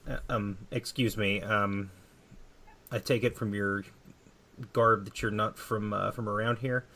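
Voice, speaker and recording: A man playing a polite, curious male rogue traveler in a tabletop game, talking hesitantly with many pauses. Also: on the low side, fairly even intonation, sharp tone, slight background noise. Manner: hesitant, lots of ums.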